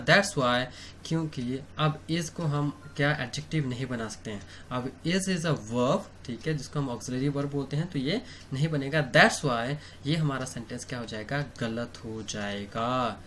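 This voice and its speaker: A man's voice: medium pitch, fairly bright tone, a little hiss or hum. A man teaching English grammar in Hindi, asking questions and answering them himself, with frequent "okay" and "theek hai" as he writes on a board. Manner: writes on a board while he talks. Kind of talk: explanatory online lesson.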